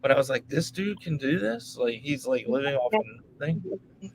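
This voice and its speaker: A man of ordinary pitch talks loosely about his travels, dropping curses and breaking into laughs. His chat is casual and unpolished, with faint noise underneath. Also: animated, a little fast, low-quality recording. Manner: loose and profane, laughs often. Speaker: travel vlogger.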